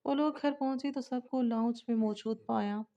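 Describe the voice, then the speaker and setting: Woman, romance novel read aloud, high voice, dull lo-fi sound. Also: moderate pace, warm tone. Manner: reads all characters' dialogue in a lightly shifted voice. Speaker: narrator.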